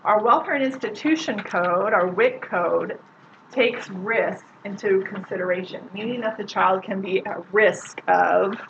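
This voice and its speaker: A woman's voice: mid-range voice, unhurried, gravelly. Woman lecturing a class, lo-fi. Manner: casual, conversational, quizzes the audience. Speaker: social worker. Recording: muffled lo-fi recording with loud background noise.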